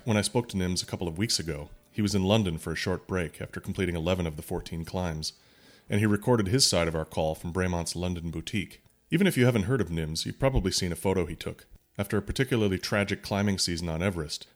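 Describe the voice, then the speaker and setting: A man hosting a podcast, reading a scripted intro and then asking questions with some hesitation and repeated words. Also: low voice. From United States. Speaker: podcast host. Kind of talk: casual interview, scripted intro.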